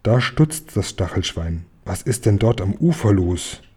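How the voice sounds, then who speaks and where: A man narrating a children's story in a calm, even way. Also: lowish voice, a little slow, breathy edge. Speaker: audiobook narrator.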